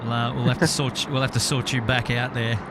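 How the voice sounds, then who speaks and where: Male livestream host, broad Aussie accent, mid pitch, colloquial and matey, loud outdoor traffic noise. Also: flat delivery, fast talker. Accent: broad Australian. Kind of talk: casual live plane-spotting chat. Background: loud outdoor city and vehicle noise.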